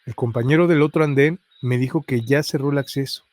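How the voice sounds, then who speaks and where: A man's voice: mid-range voice, a little fast, a little mellow, lightly acted. A man reading as a frightened policewoman. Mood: scared. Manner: nervous, pleading. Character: frightened young woman police officer.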